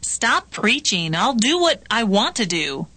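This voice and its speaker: A woman reading scripted practice dialogues for a language lesson in a clear, measured way. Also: a little high, sing-song, bright, forceful tone, no room sound.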